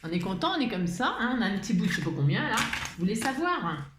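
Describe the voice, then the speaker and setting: A woman's voice: mid-range voice, sing-song, fast. Chatty rambling woman in an echoey room. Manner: chatty, rambling, often changes her mind mid-sentence; chuckles often while talking. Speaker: craft tutorial host. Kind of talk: casual craft tutorial demonstration. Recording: roomy echo, faint background noise.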